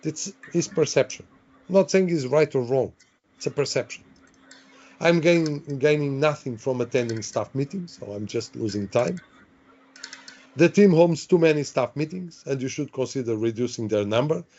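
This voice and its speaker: A man's voice: mid-range voice, animated, moderate pace, dark tone. A man teaching a live online workshop, chatty, repeating himself and asking the audience questions. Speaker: webinar trainer. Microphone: video call. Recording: dull lo-fi online call audio.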